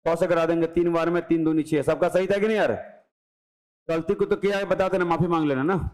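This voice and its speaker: Man, high voice, math teacher, exam-prep lecture, brisk, coaxing. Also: steady tone, darkish tone, low-quality recording. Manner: brisk, coaxing, acts out students' questions.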